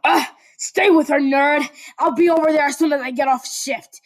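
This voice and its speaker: A woman voicing a gruff, hot-tempered young male hero who snaps and barks his lines. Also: high-pitched, normal speed, voice pushed up, natural voice. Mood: irritated. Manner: barking, snappish.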